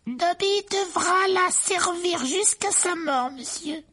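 Dobby, a squeaky servile house-elf. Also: takes it slowly, sharp tone, exaggerated voice. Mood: fearful. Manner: squeaky, servile, constantly says sir, speaks of himself in the third person. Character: tiny servile male house-elf, anxious and tearful. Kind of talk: audiobook character voice.

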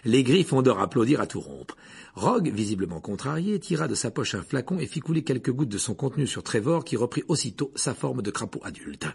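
A man narrating a storybook in an expressive, measured reading voice. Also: medium pitch, gravelly, slightly rough. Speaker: audiobook narrator.

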